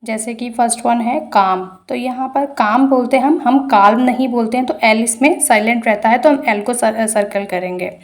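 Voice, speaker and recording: A woman's voice: a little high, moderate pace, few pauses, darkish tone. A woman teacher, explaining homework answers step by step and mixing into her Hindi. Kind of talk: homework walkthrough.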